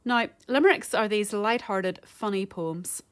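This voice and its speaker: A woman teaches a recorded home-learning lesson. She sounds out rhythms and counts syllables slowly and carefully, as a primary school teacher does. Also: medium pitch, clear, resonant tone.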